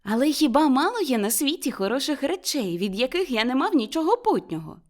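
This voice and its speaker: A woman voicing a cheerful, warm-hearted young man who talks eagerly and excitedly in a storybook. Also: sits high, fairly quick, pitched above the performer's own voice. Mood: pleading.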